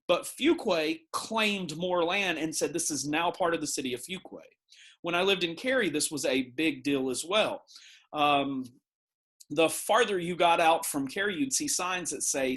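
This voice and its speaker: A man's voice: fairly high pitch, a bit bright. A middle-aged man from the United States teaching a recorded history lesson, talking conversationally and using everyday analogies.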